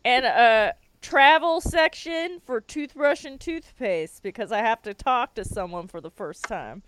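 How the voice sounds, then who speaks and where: Slow-talking American woman on an earbud mic. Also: a little high, animated, a bit bright, clean tone, no room sound. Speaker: podcast co-host. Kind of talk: casual comedic podcast chat. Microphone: earbud headphone mic. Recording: earbud mic with rustle and noise.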